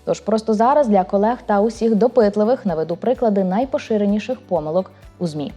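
A woman hosting a language program, reading a scripted narration with clear, deliberate delivery of word examples. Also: mid-range voice, mellow, soft background music. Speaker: program host.

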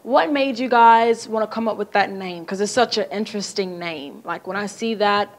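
A woman's voice: mid-range voice, moderate pace. A young adult woman hosting a talk show, asking questions in a bubbly way and saying "like" a lot. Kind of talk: casual interview questions. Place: studio set.

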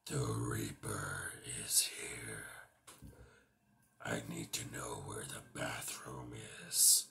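A man voicing a menacing male game assassin in a very low, breathy whisper. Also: fairly even intonation, very slow, sharp tone, heavily acted.

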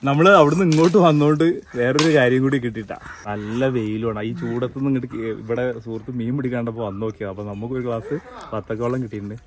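A man in his thirties, a fishing vlogger from Kerala, India, chats casually to viewers outdoors among paddy fields and a yard, speaking with a Malayalam Kerala accent. His medium-pitched voice stays fairly even, moving quickly with hardly any pauses, and there's slight background noise. He explains as he goes, often checking in with the viewer, recording on a phone camera he holds himself.

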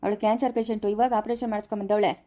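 A woman's voice: medium pitch, little pitch movement, warm tone, lightly acted. Woman playing a defensive young husband. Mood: defensive, reassuring. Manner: rapid pleading explanations. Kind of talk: amateur family drama acting.

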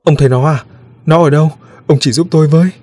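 A man's voice: medium pitch, flat delivery, fairly quick, dark tone, lightly acted. A man voicing a grieving ghostly young mother who sobs and pleads as she searches for her lost son, in a storybook reading. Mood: pleading, sobbing. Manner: sobbing, pleading, raised voice.

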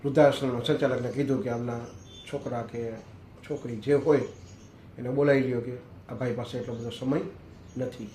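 A man's voice: mid-range voice, steady tone, normal speed, slight background noise. Guy telling an emotional moral story, leans hard on words, echoey room sound. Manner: impassioned, rising to loud emphatic stresses. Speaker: motivational storyteller. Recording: echoey, roomy recording.

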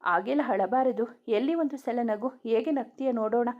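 A woman's voice: fairly high pitch, normal speed, lightly acted. A woman voicing a teasing young woman, slightly muffled. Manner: teasing, lively banter. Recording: dull lo-fi recording.

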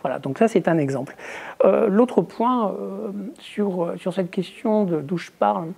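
A middle-aged woman, an academic researcher, answering interview questions in a thoughtful, measured way, her voice trailing off quietly at the ends of phrases. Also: mid-range voice, gravelly, breathy edge. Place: indoors, filmed for a museum exhibition.

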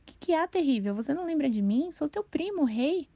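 A woman voicing a cheerful, friendly young male rooster in a storybook reading, her voice raised high and eager. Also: expressive, fairly quick, creaky, warm tone, dry recording. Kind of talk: audiobook character voice. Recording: dull, dry lo-fi recording.

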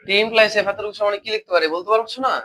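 A man's voice: high-pitched, fairly even intonation, racing, pushed and bright, low-quality recording. A man with a Bangladeshi Bengali accent and a cold, teaching a logic class online, patient and repetitive, quizzing his students as he works. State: has a cold. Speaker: logic tutor. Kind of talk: live online class explanation.

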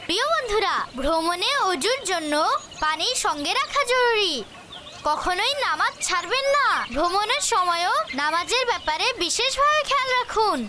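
A performer voices a cheerful, eager little boy in a children's cartoon at an extremely high pitch, enthusiastically exclaiming and giving instructions to young viewers. The recording is very noisy.

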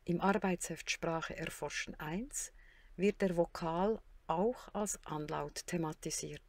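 A woman narrating a teaching tutorial in a scripted way, sounding out syllables slowly and clearly. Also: on the low side, dry recording.

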